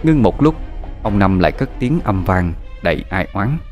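A man's voice: low-pitched, sing-song, normal speed, a little mellow, soft background music. A man narrating a horror story in a dramatic, suspenseful way.

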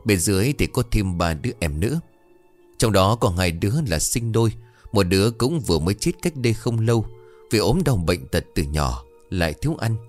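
Low-voiced expressive male storyteller. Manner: expressive, dramatic reading. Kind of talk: ghost story narration.

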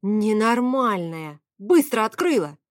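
A woman reading aloud, voicing a hot-tempered man who yells threats through a locked door, in a dry close recording. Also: high-pitched, unhurried, dry recording. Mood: furious shouting. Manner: yelling, threatening demands.

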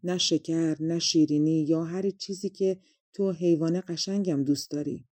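Brief: woman voicing a soft-spoken young fairy tale prince, sorry, mellow dry voice. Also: low-pitched, fairly even intonation, no room sound, lightly acted. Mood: regretful.

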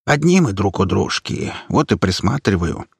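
A man's voice: on the low side, very animated, normal speed, creaky, breathy edge, dry recording, studio quality, full character voice. A man voicing a feisty, blunt old grandmother who scolds in folksy words. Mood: gruff scolding.

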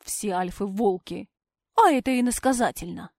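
A woman voicing an exhausted, angry young male werewolf alpha who hisses his lines low and tense. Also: moderate pace, gravelly, mellow, dry recording, clean studio sound.

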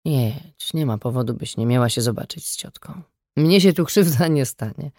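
A weary man speaks quietly and reassuringly, as a woman reader lowers her voice for him. The tone is subdued and soft, deep for the reader. The recording is dry and close. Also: fairly quick, dry recording. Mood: soothing. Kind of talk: audiobook character reading.

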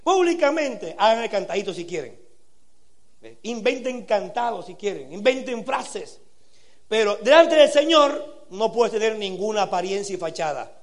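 Male preacher, high voice, earnest sermon, rhetorical questions, quiet to loud swings. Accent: Latin American Spanish.

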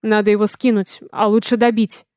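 A calm, protective alien man at the helm of his ship, as a woman reads him out in an audiobook. His voice is smooth and clear, and he holds it level, with barely any rise or fall. He sounds dry and close, steady and reassuring. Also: mid-range voice, a little fast, no echo, natural voice. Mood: matter-of-fact. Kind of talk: audiobook character voice.

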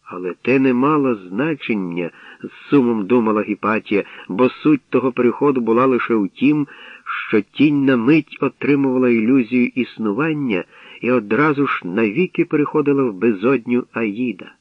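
A man reading a mythic story aloud as an audiobook narrator, in steady, measured scripted narration. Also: medium pitch, no room sound. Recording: dull lo-fi dry recording.

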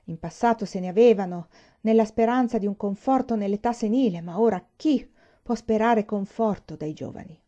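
A woman voices a stern older father who has grown bitter about his children. He speaks in a gruff, dismissive grumble. The reading is dark and mellow, and the recording is dull and lo-fi. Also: mid-range voice, moderate pace, lightly acted. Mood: grumbling.

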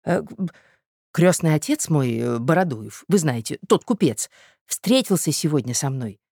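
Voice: medium pitch, lively intonation, normal speed, vocal fry, mellow, no room sound, clean studio sound. A reader voicing a flustered young nobleman who talks hesitantly and stumbles over his words. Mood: anxious, pleading. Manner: hesitant, stumbling speech with fillers.

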